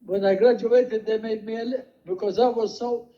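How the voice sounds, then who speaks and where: An older man recounting his working life in a rambling, halting way, with many restarts and quoted dialogue. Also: high-pitched, steady tone. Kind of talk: rambling personal storytelling. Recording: dull lo-fi home recording.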